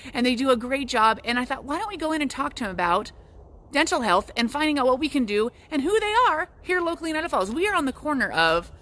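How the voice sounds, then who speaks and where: A woman's voice: a little high, a bit bright, slight background noise. A young woman hosting a local business video, chatty and upbeat, talking casually as she walks and visits. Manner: chatty and upbeat, with frequent restarts. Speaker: real estate agent hosting a local business show. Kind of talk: casual live video walk-and-talk.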